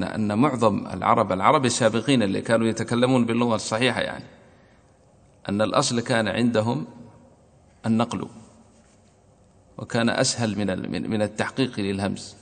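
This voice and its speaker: Guy teaching a recitation class, deliberate and careful, says examples twice, sound rings around a big hall. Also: lowish voice, vocal fry. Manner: deliberate, repeats examples slowly. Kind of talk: explanatory lesson. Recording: long hall reverb.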